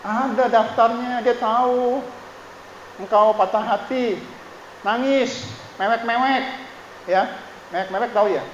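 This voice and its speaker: Guy pastor preaching, chatty sermon, high-ish voice, kinda dull muffled sound w/ faint room noise. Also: steady tone, a little slow, long pauses. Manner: conversational preaching, frequent "ya" and "Saudara" asides. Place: church. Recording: dull echoey church hall.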